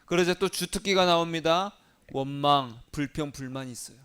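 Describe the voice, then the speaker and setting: Male pastor, conversational sermon style, clear resonant voice. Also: on the high side, moderate pace, a bit bright. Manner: conversational, asks the congregation questions.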